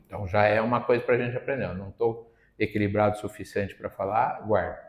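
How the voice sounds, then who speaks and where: A man's voice: on the low side, fairly even intonation, quick pace. Brazilian male lecturer, chatty teaching tone, echoey hall. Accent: Brazilian Portuguese. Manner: conversational, often adds tag questions. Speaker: lecturer at a spiritist center. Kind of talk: Sunday spiritist talk. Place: hall of a spiritist center. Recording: roomy hall sound.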